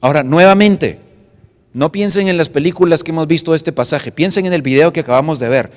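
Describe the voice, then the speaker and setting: A man's voice: a little high, a little fast. A male pastor preaching a dramatic sermon in a church, acting out scenes and asking the audience questions. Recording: echoey church hall.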